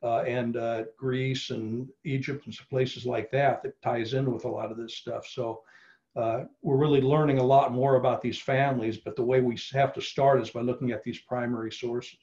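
A man's voice: mid-range voice, flat delivery, moderate pace, darkish tone. A middle-aged man giving a casual online presentation, with many fillers and restarts, speaking over a video call. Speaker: genealogy presenter. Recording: slightly dull video call audio.

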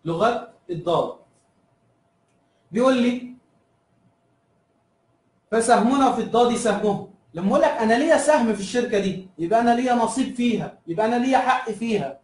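Egyptian male teacher, high-pitched and quick, drills terms by repeating them, echoey room, off-mic. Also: lively intonation, darkish tone, recorded from a distance. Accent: Egyptian Arabic. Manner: asks and answers his own questions, repeats key terms. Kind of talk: recorded review lesson.

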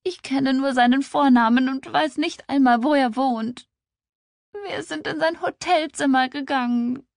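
A woman's voice: measured pace, vocal fry, no room sound, clean studio sound. Woman voicing a sobbing young woman. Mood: tearful. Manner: tearful, high and pleading. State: crying.

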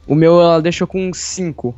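Brazilian man, gaming sidekick, slightly high voice, quick reactions, dry muffled voice chat. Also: fairly even intonation, a little mellow, dry recording. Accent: Brazilian Portuguese. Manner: reactive, quick exclamations and laughs. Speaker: co-player.

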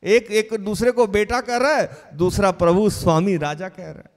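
A man's voice: high-pitched, fairly even intonation, moderate pace. A man preaching a sermon, telling a story with animation and asking his listeners questions. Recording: long hall reverb.

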